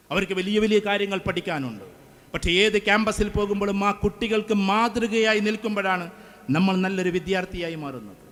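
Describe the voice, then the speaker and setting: Emphatic man lecturing students, high voice. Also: a bit bright. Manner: emphatic, with repeated phrases. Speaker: motivational speaker. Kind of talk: speech to students. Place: school event hall.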